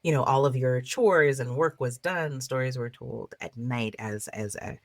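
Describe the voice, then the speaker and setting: Expressive woman telling trickster tales, dry sound. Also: very deep voice, no echo. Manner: dramatic pauses, drawn-out emphatic words, swings in volume. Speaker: guest storyteller of Caribbean folklore. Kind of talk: expressive trickster tale storytelling and explanation.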